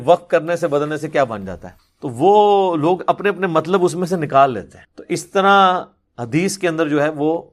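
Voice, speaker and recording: Religious teacher, male, Pakistani Urdu accent, fairly high voice, explains with animated stress and asides. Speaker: religious scholar answering questions. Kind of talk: lecture answering audience questions.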